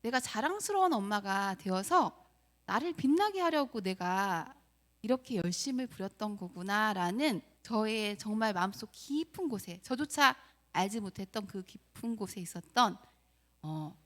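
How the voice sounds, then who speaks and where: A woman's voice: medium pitch, expressive, unhurried, a bit bright. A middle-aged woman preacher giving an earnest, confessional sermon, asking her listeners rhetorical questions.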